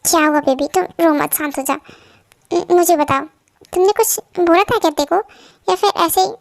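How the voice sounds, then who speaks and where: A woman's voice: extremely high pitch, moderate pace, gravelly, dry recording, clean studio sound. A woman voicing a doting middle-aged mother in an amateur fan dub, soothing and coaxing.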